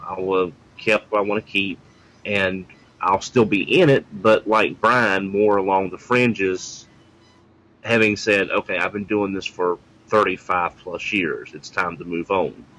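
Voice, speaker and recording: Deep-voiced, reflective man in his forties. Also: a little slow, a bit bright, husky, poor audio. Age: 40s. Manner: reflective and hesitant. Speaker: guest. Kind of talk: casual group chat.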